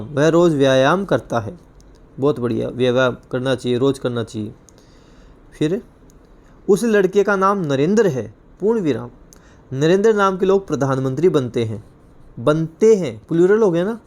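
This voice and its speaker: Man, Rajasthani Hindi accent, exam-prep grammar lesson, slightly high voice, patient repetition, asks and answers his own questions. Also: lively intonation, normal speed, a little mellow. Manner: explains patiently, repeats and quizzes himself. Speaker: teacher.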